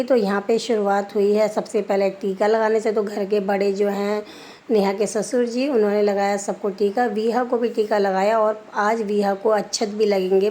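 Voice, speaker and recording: A young woman chatting casually to her viewers in a family home, explaining everything as she goes. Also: mid-range voice. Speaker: vlogger. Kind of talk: casual vlog narration.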